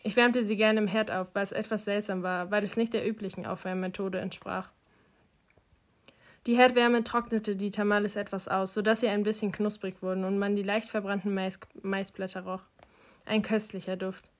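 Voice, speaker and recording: A woman reading a first-person audiobook in a quiet, reflective way, her voice dropping at the end of lines. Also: medium pitch, flat delivery, moderate pace. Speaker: audiobook narrator. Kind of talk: audiobook narration.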